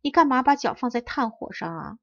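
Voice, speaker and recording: A woman voicing a poor, gentle old father who speaks softly through tears. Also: high-pitched, expressive, fairly quick, highs cut off, heavily acted. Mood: tearful. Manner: soft, tearful.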